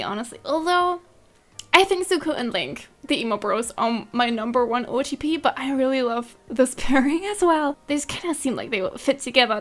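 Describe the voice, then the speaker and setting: Young woman gaming vlogger, high voice, giggly and excitable, casual commentary. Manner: bubbly and excitable, giggles often. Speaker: gaming YouTuber.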